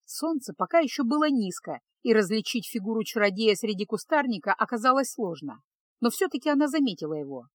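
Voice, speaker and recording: A woman's voice: a little high, big pitch swings, a little fast, dry recording. Woman reading a fantasy audiobook. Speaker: narrator. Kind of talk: audiobook narration.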